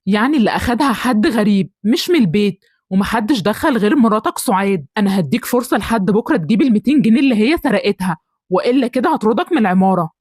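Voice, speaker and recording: A woman with an Egyptian accent voicing an angry middle-aged man who is a bullying neighbor in an animated story, scornful and threatening. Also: medium pitch, breathy edge, no room sound, studio quality. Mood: furious. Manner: shouting threats, fast and scornful.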